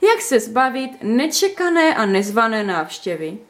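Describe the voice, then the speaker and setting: A woman reading a story aloud, voicing a teasing, mock-gallant young man in her own lively voice. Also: on the high side. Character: teasing, cheeky young man, the story's first-person hero.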